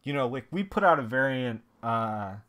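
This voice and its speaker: A man's voice: medium pitch, animated, normal speed, fairly bright tone. Rambling man on a live stream. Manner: rambling, restarts, lots of filler words. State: watery eyes, sniffly. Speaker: streamer and comic colorist host. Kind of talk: casual live-stream chat.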